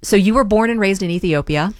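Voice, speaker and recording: A woman hosting a public radio interview show, calm and steady, reading scripted introductions and asking questions. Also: mid-range voice, fast, no room sound, studio quality. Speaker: radio host. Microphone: studio mic.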